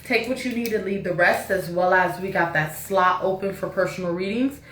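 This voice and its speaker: A woman giving a casual channeled spiritual message to her viewers, relaxed and repetitive, with a preachy lilt. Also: on the low side, normal speed, roomy sound, distant mic. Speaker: spiritual reader.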